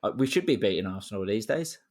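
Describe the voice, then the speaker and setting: A man with a fairly low, animated voice talks fast as he co-hosts a football fan podcast. He's easygoing and chatty, retelling stories with quoted asides in casual fan chat.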